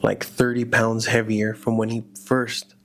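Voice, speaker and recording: A man's voice: lowish voice, monotone, a little slow, fairly bright tone, soft background music. A man casually telling a horror story aloud, in a loose, rambling conversational way full of "you know" and "like".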